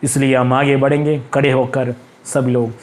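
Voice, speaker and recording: A man's voice: mid-range voice, little pitch movement, normal speed. A male pastor preaching a fervent sermon in a church, breaking in with hallelujah again and again. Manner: fervent, repeats hallelujah constantly.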